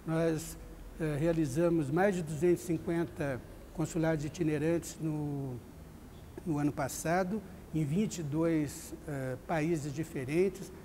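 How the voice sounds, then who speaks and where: A man with a Brazilian accent, speaking as a diplomat guest in a formal interview, measured and pausing with "eh" fillers. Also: a little high, fairly even intonation, warm tone, long reverb tail, slight background noise. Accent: Brazilian Portuguese.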